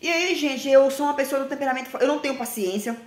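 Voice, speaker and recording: A woman in her forties talking bluntly and emphatically to a phone camera, often ending phrases with a quick question. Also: high voice, echoey room. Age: 40s. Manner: blunt, emphatic, repeats herself, frequent "tá?". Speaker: vlogger. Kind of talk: casual direct-to-camera talk. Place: small indoor room with plain wall.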